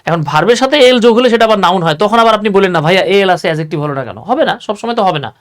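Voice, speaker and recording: A man's voice: high-pitched, animated, clear, resonant tone. A man teaching an English grammar lesson in a casual classroom style, explaining step by step, repeating key points and asking rhetorical questions. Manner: slows down to spell out words while writing.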